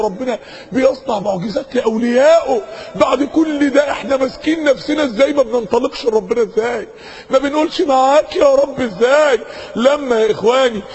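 Impassioned husky-voiced Egyptian preacher man. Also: extremely high pitch, poor audio. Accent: Egyptian Arabic. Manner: impassioned, builds to cries and slows for quotations. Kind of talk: sermon.

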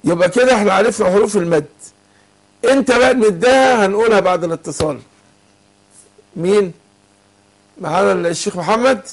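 High-voiced Egyptian man teaching recitation. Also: a little fast, pauses often. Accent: Egyptian Arabic. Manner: patient, asks students to fill in words. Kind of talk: call-in tajweed lesson.

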